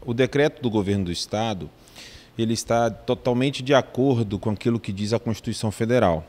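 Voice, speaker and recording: A man with a Brazilian Portuguese accent, a legal adviser explaining a decree in a measured, formal way with frequent restarts. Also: medium pitch, a little mellow, in a large hall.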